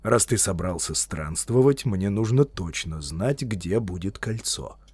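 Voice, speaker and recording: A grave old male wizard, as a male audiobook reader puts him on. He speaks low and measured, with a lively, shifting pitch, and grows stern and commanding. The reading is dry and close. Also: husky, dry recording, exaggerated voice. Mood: calm.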